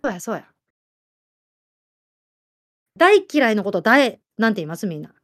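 A woman with a Kyushu accent chatting casually as a livestream host, lively and laughing often while answering viewer comments. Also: mid-range voice, normal speed. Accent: Kyushu Japanese. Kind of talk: casual chat.

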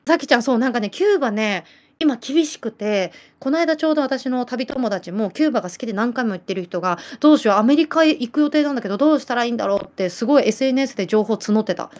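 A woman in her late thirties with a bright, high voice and a Nagasaki island accent chats casually with her livestream viewers. She tells animated stories, giggles often, and reads out their comments. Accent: Nagasaki island dialect. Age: late 30s. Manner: chatty, giggly, animated storytelling. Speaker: livestream host.

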